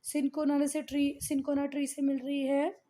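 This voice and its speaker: A high-pitched, dark-toned woman gives a geography lesson at normal speed and in a level tone. Mixing English words into Hindi, she keeps repeating key terms and warmly questions the class.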